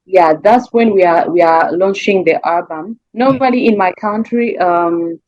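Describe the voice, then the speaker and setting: With a Rwandan accent and a voice on the low side, a singer from Rwanda answers an interviewer at a measured pace. She speaks conversationally, pausing to find words and repeating phrases, in a muffled recording with no room sound.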